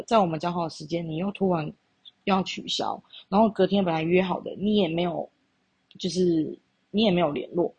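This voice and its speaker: Husky gravelly Taiwanese woman. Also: lowish voice, a little mellow, no room sound, dull audio. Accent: Taiwanese Mandarin. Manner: candid, blunt, swears freely. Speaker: podcast host. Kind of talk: casual storytelling chat.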